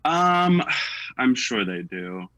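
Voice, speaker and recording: On a rough recording, a young American man speaks slowly in a mid-range voice that's bright and forceful, with big pitch swings. His General American accent comes through as he chats casually as a guest, hesitant, filler-heavy, and quick to laugh.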